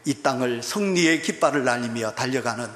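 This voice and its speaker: A man's voice: mid-range voice, a little fast, fairly bright tone. A male pastor with a Gyeongsang Korean accent, preaching an emphatic, fervent sermon. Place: church sanctuary. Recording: echoey church hall.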